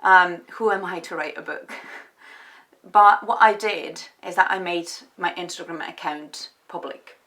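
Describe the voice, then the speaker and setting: A woman from Estonia, a writer answering interview questions in a reflective, hesitant way with many pauses and restarts. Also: on the low side, a bit bright.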